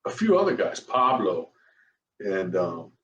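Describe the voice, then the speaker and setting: A retired police officer telling stories in casual chat, animated and laughing often. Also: male voice, a little slow, distant mic, highs cut off. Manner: animated, laughing, jumps high in pitch when quoting others. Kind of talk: casual storytelling. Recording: roomy echo.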